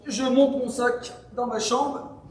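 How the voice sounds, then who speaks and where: A performer playing a flustered grown son arriving home, hesitant and stumbling, in an amateur stage play. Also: male voice, very high voice, fairly even intonation, slow pace. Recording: very echoey hall from far off.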